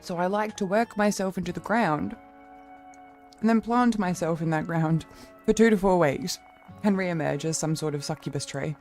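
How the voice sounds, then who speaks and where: Chatty young woman streamer, low voice. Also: normal speed, darkish tone, faint music behind. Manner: chatty and rambling, swears freely. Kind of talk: casual stream chat.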